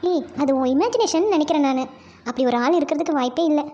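A woman's voice: high voice, animated, fast, mellow, muffled recording. A woman voicing a teasing young woman in a cartoon who bosses the children around. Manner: teasing and bossy. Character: teasing young woman, cheeky friend and sister. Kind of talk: cartoon voice acting.

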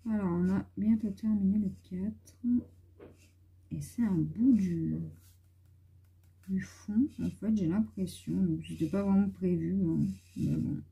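At home, a woman with a young son colors for her YouTube video, rambling casually and using lots of fillers. She talks slowly at a medium pitch, and her voice is creaky, dark and husky.

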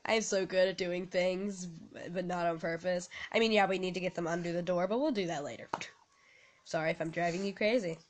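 A woman's voice: fairly low pitch, fairly even intonation, brisk, a little hiss or hum. A woman hosting a farming game video with a put-on British accent, playful and giggly, talking from a dim room at her computer. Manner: playful, giggly, sing-song. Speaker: game channel host. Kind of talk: casual gameplay commentary.

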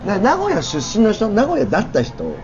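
Campy young man, animated and fairly high. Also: normal speed, vocal fry. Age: young adult. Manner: campy, effeminate speech. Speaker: video host. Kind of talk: casual chat over drinks. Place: restaurant table, indoors. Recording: dull sound, restaurant chatter.

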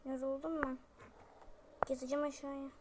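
A woman's voice: sits high, little pitch movement, normal speed, noisy background, close to an everyday voice. A woman voicing a weary, irritable mother in a toy game role-play, sighing and grumbling. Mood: fed up.

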